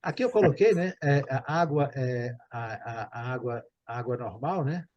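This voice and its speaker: Um professor de inglês brasileiro dando aula online, paciente, repetindo e conferindo se o aluno entendeu. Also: male voice, medium pitch, lively intonation, normal speed, a little mellow, highs cut off. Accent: Brazilian Portuguese. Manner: patient, repeats and checks understanding. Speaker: English teacher. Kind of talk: online English class.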